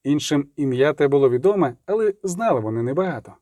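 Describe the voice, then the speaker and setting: A man reading an audiobook in a measured, expressive narration. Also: a little high, dry recording. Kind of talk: scripted narration.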